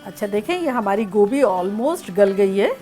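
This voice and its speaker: A woman's voice: mid-range voice, lively intonation, unhurried, dark tone, faint music behind. A woman hosting a home cooking demonstration, chatty and playful as she talks through each step. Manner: chatty, playful, sings snatches of songs. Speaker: cooking show host.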